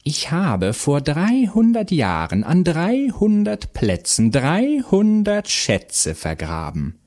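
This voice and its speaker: A man voicing a shrieking, bossy old witch in a storybook, giving orders in a shrill, drawn-out voice. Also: huge pitch swings, darkish tone, heavily acted. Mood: commanding. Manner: screeches commands slowly and shrilly. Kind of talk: storybook read-aloud.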